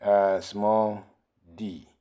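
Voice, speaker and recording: A man teaching a physics lesson, explaining slowly and repeating key points between fillers like "uh". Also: fairly low pitch, little pitch movement, warm tone, clean tone. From Malawi. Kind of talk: recorded classroom lesson.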